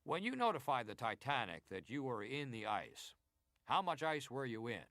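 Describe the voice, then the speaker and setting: An actor reads hearing testimony as a senator in a dramatized historical inquiry, questioning formally, deliberately and probingly. His middle-pitched voice is bright and forceful, with big pitch swings. The sound is dry and close, with no room sound.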